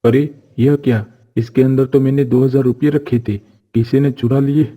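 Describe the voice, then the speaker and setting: An actor playing a greedy, short-tempered village juice seller who scolds harshly, in a cartoon story. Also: male voice, mid-range voice, flat delivery, moderate pace, dark tone, natural voice. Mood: angry. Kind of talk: Hindi cartoon voice acting.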